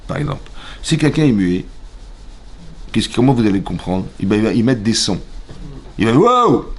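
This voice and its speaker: Animated rabbi mimicking shouts. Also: male voice, lowish voice, brisk, breathy edge. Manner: lively, mimics shouts and sounds, questions the audience. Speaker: rabbi teaching a class. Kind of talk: animated Torah lesson. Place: synagogue.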